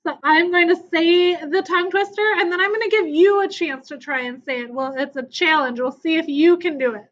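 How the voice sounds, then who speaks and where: Woman, elementary teacher running an online lesson; bright high voice, upbeat and coaxing, muffled video-call audio. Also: a little fast. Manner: upbeat, encouraging, speaks to children.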